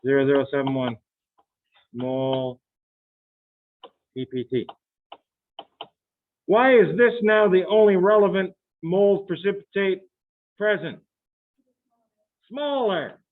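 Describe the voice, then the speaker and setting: Through a tinny, phone-like classroom recording, a high-pitched man teaches chemistry slowly, with lively intonation and frequent pauses. He works problems out loud and quizzes his students in a chatty, thinking-aloud manner.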